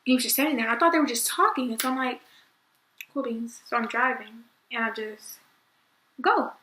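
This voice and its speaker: A woman's voice: a little high, fairly quick, sharp tone. A young woman vlogging, telling a story casually and chattily, saying "like" constantly. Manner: chatty, fills speech with "like". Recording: echoey room.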